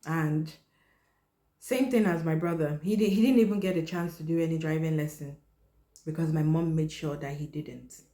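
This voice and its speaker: A woman hosting a podcast, telling a personal story in a blunt, candid way and often dropping her voice low. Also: normal speed, dark tone. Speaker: podcast host. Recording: roomy echo.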